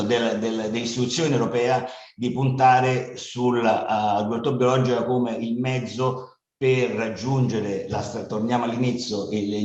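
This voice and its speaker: A man giving a conference talk haltingly, searching for his words. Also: medium pitch, a little mellow. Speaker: conference speaker. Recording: dull, echoey room sound.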